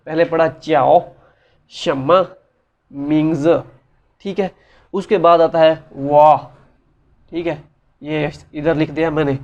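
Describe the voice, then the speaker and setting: A man's voice: fairly high pitch, darkish tone, muffled recording. A man giving a casual spoken lesson, patiently explaining and repeating each word many times, with many fillers. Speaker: language teacher. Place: side room with noise around.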